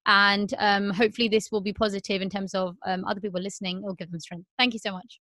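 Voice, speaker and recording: A woman's voice: mid-range voice, level tone, fast, pushed and bright, no room sound. Earnest woman in her thirties, dry sound. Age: 30s. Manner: earnest, repeats herself, many "um"s. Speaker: podcast host. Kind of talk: candid podcast conversation.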